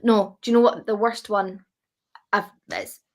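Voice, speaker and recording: A woman's voice: medium pitch, steady tone, unhurried, a little mellow. A woman chatting casually as a guest, gushing and repeating herself for emphasis. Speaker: interview guest. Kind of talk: casual chat.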